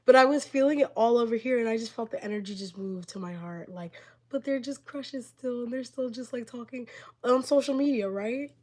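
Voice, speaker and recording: This woman's voice sits on the high side, with a darkish tone and a fairly quick pace. Reading tarot live while sick and going hoarse, she rambles with lots of fillers and pours out effusive thanks to viewers.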